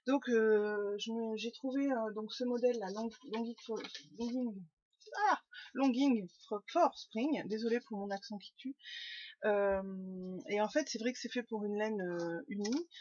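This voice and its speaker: Chatty woman, husky webcam voice. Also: mid-range voice, steady tone, normal speed, darkish tone, no echo, highs cut off. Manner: chatty, rambling, lots of fillers and restarts. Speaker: knitting podcast host. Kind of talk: casual chat to webcam. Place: home room.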